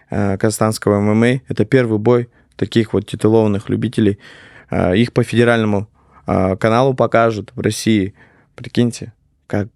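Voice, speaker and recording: A man's voice: mid-range voice, vocal fry, a little mellow, no echo, studio quality. A man chatting casually about sport as a guest commentator, repeating phrases for emphasis. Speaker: guest commentator on MMA talk show.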